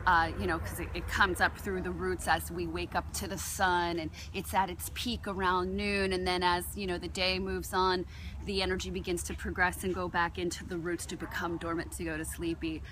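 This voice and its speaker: A woman's voice: fairly low pitch, flat delivery, normal speed, fairly bright tone, a little hiss or hum. A woman with a New Jersey accent, talking her viewers through foraging and cooking mushrooms in a chatty, playful, rambling way. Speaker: holistic health vlogger. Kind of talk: casual cooking and foraging vlog.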